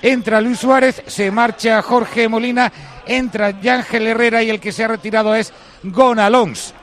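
A man gives live football radio reports as a pitchside reporter. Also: steady tone, moderate pace, a bit bright.

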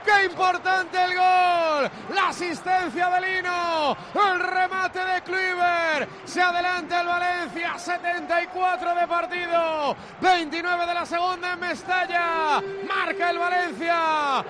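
A man from Spain with a Spanish accent doing breakneck live football goal commentary, shouting drawn-out, repeated goal calls. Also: extremely high pitch, steady tone. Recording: very noisy stadium, roaring crowd. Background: loud stadium crowd.

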